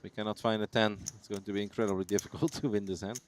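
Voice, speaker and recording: A man's voice: fairly low pitch, fairly even intonation, fast, slight background noise. A man commentating on live poker in a casual, chatty, jokey and teasing way.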